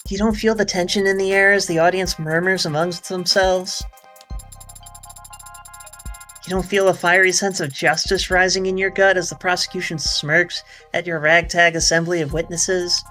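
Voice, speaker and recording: A soft-spoken, earnest android girl in a story game. She speaks in a gentle, formal and innocent way. Faint music plays behind her. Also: fairly low pitch, level tone, normal speed, few pauses. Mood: wistful. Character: polite naive female android companion.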